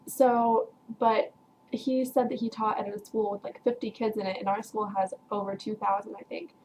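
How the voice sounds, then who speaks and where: A teenage girl vlogger rambles through a long story for her viewers in a fairly high, darkish voice with vocal fry. She's chatty, leaning hard on "like" and "um" and laughing often as she goes. The recording is rough, with slight background noise.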